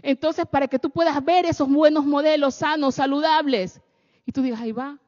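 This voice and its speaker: Woman preaching to a crowd, high voice, keeps asking "right?", echoey hall, kinda muffled. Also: steady tone, normal speed, a little mellow. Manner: keeps checking in with the audience with rhetorical questions. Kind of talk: sermon-style talk to an audience. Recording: echoey hall, dull lo-fi sound.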